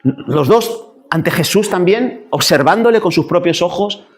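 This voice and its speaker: A male pastor preaching a sermon in a church, animated and acting out wailing complaints. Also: high-pitched, a little slow.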